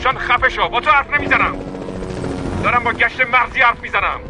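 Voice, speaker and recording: A man's voice: extremely high pitch, music in the background. An actor voicing a curt, commanding male fixer who gives orders in dubbed game dialogue.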